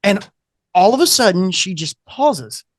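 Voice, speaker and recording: A middle-aged man, a guest author telling an animated anecdote and acting out the voices in it. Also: high-pitched, a little slow, dry recording, studio quality. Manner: animated anecdote-teller, acts out quoted voices. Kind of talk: casual storytelling interview.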